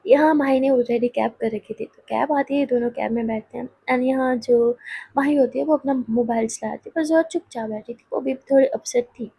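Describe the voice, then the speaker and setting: A woman's voice: fairly high pitch, moderate pace, vocal fry, mellow, husky. A woman casually telling a love story, chatty and talking straight to her listeners. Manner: chatty, addresses listeners directly.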